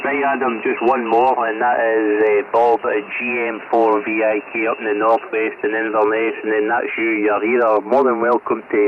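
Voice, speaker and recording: A man runs a radio net in an even, flat voice. He comes through a crackly military-style radio channel, thin and narrow, with clear static. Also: on the low side, normal speed, few pauses. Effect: crackly two-way radio. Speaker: amateur radio net controller. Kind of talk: ham radio procedure with phonetic call signs.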